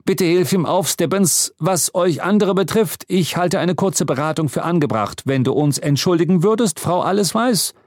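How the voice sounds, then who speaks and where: A blustering, bossy head wizard, voiced by a male narrator, pitched up with a lively, commanding delivery. He rattles off orders briskly in a storybook reading with a close, dry sound. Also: no room sound.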